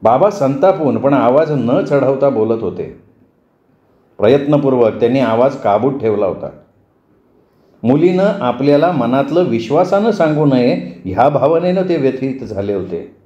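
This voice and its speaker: A man with a Marathi accent reading a story aloud in a measured, expressive way. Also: mid-range voice. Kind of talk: scripted story narration. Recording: roomy, dull lo-fi recording.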